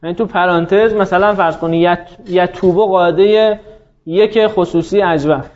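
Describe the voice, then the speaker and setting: A man teaching an Arabic grammar class, patiently explaining rules, quizzing students and slowing down to dictate word forms. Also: sits high, darkish tone. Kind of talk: classroom lesson. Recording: dull lo-fi sound.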